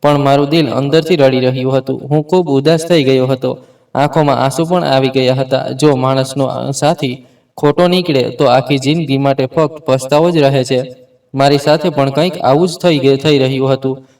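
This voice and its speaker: A man's voice: medium pitch, steady tone, normal speed, darkish tone, far from the mic. A man telling a first-person story in an earnest way, with small restarts. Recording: voice set back from the mic.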